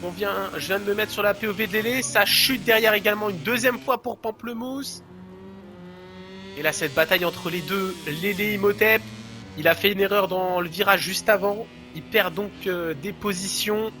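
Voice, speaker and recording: A man's voice: high-pitched, normal speed, bright, forceful tone, faint music behind. A man giving live play-by-play as a motorsport commentator on a motorcycle racing game.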